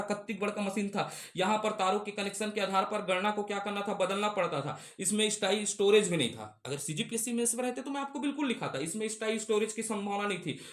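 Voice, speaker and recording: A man's voice: high voice, a bit bright. A man teaches an exam-prep computer class. He drills each term again and again, firing questions at his students and answering them himself. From Chhattisgarh. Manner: repetitive call-and-response drilling.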